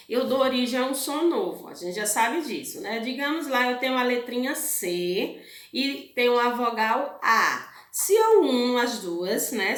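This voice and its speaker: A woman's voice: fairly high pitch, fairly bright tone, reverberant. Brazilian woman teacher explaining patiently. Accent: Brazilian Portuguese. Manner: patient explaining, rhetorical questions, frequent "né?". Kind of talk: online class lesson.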